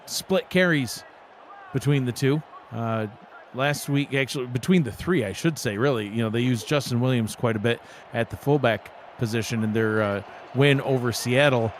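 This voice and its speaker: A man's voice: mid-range voice, normal speed, a little hiss or hum. Joking man calling a sim football game. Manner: relaxed, jokey, excited on big plays. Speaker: play-by-play commentator. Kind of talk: sports commentary.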